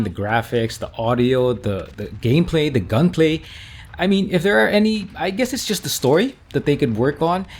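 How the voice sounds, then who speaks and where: A man giving a casual video game review as a voice-over, conversational and often correcting himself mid-sentence. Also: medium pitch.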